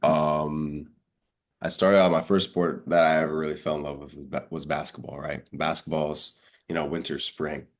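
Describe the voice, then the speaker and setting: A young man who is a college high jumper chats casually as an interview guest, sounding congested and under the weather. His voice is extremely low and flat at a moderate pace as he tells stories in informal slang and acts out remembered dialogue.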